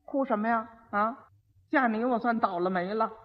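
A clever, fed-up young bride, as a male storyteller puts her on. She scolds and patiently coaches, set a little higher than the teller's already high voice. The old recording is dull and reverberant. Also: normal speed, close to an everyday voice. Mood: exasperated instructing.

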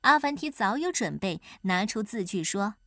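Animated woman storyteller, lively voice. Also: medium pitch, moderate pace, no echo, studio quality. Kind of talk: children's story narration.

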